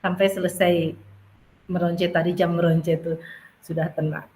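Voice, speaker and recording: A woman teacher telling a story from her class, acting out the child's outbursts and her own calm replies in turn. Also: on the low side, normal speed, a little hiss or hum, poor audio. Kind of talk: storytelling in a coaching conversation.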